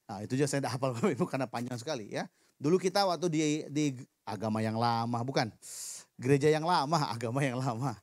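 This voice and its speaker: A man preaching a sermon in a church, lively and joking with the congregation. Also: medium pitch, fast talker, dry recording, studio quality. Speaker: pastor. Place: church hall.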